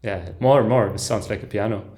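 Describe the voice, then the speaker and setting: A man reacting live to an album, commenting enthusiastically with soft "ooh"s and chuckles, often breaking off and restarting sentences as he listens. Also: fairly low pitch, a little fast, gravelly. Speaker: music reaction host.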